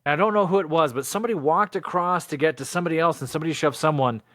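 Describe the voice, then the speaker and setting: A man co-hosting a podcast, telling stories in an animated, explaining way. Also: a little high, racing, dry recording, clean studio sound. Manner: animated storyteller, explains and asks. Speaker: podcast co-host. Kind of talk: casual chat.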